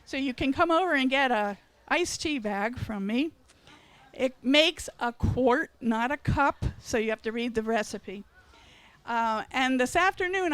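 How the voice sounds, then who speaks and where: An older woman, a retired educator, talks about her book at an author expo. Her voice is smooth and clear, pitched a little high, and she reads in short, earnest phrases. The sound is close and dry. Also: dry recording, rough recording.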